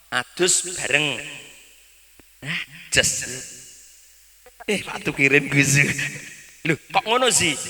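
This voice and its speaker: A man's voice: a little high, bright, forceful tone, in a large hall. A man with a Javanese accent, preaching with humor at a live celebration, bantering with the audience and the band.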